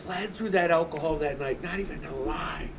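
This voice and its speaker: A man's voice: on the high side, brisk, a crowd in the background. Blunt, foul-mouthed man in his forties. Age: 40s. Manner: blunt and heavy on swearing. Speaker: streamer. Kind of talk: casual chat on a livestream. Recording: distant mic with background noise.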